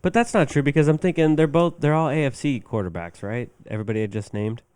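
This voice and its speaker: Smooth-voiced swearing podcast host. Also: male voice, medium pitch, fast, a little mellow. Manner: swears freely, laughs often while telling stories. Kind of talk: casual chat. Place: bar.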